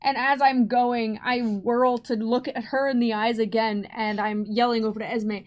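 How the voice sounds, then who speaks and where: A woman's voice: on the high side, flat delivery, moderate pace, a little hiss or hum. A woman chatting casually as a tabletop role-play player, often giggly as she talks. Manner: giggly, laughs often while talking. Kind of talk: casual game-table chat.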